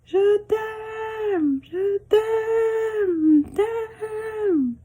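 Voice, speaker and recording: A woman voicing an excited little girl who calls out loudly in long, stretched-out shouts. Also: extremely high pitch, very slow, pitched above the performer's own voice, exaggerated voice. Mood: pleading.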